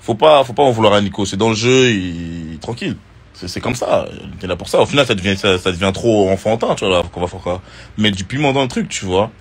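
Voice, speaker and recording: A reality TV contestant, a man, chatting casually on social media and answering viewer questions in a relaxed, slangy way. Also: on the low side, fairly quick, breathy edge. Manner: relaxed and slangy, with many fillers.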